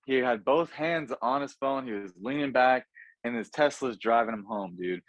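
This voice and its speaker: A man's voice: mid-range voice, moderate pace, no echo. An American man co-hosting a casual podcast, talking in slangy, sweary frat-bro style. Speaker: car podcast co-host. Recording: slightly dull, lo-fi audio.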